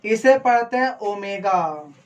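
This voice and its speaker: A coaching class teacher giving a slow, deliberate lecture at a board, putting questions to the class and then answering them. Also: medium pitch, animated. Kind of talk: classroom lecture, explaining physics prefixes and Greek symbols.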